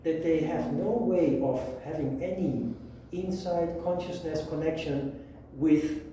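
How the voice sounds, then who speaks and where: A man teaching a yoga philosophy lesson, explaining at a whiteboard in a measured way with pauses. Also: a little high, warm tone, a little hiss or hum. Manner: slow, measured, with pauses and restarts. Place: room with a whiteboard. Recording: echoey room, mic at a distance.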